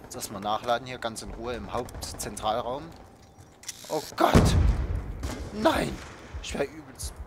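A young man hosting his own gaming video, giving excited play-by-play of a shooter match and yelping at every hit. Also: mid-range voice, moderate pace. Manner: yelps and groans at the game, shouting in bursts. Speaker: gaming channel host. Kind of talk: excited Call of Duty commentary. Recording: loud background game noise.

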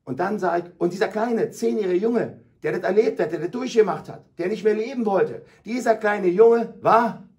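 A middle-aged man, an anti-bullying speaker telling his school stories loudly and dramatically in a radio talk. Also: high-pitched, expressive, a little fast, hardly any pauses. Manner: loud, dramatic, acts out scenes for listeners. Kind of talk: emphatic storytelling in a radio talk.

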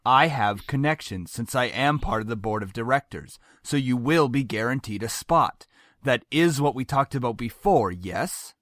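A man's voice: medium pitch, animated, moderate pace, a bit bright, no echo, studio quality, close to an everyday voice. An actor voicing a stern, controlling middle-aged father who talks coldly and commandingly. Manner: cold, commanding, explodes in anger.

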